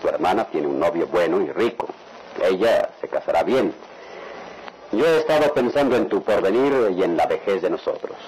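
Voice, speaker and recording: In a noisy old radio drama recording, an actor plays a stern, cautious middle-aged father with plans for his children, lecturing with authority in a radionovela. His voice is low and darkish, animated, at a normal speed.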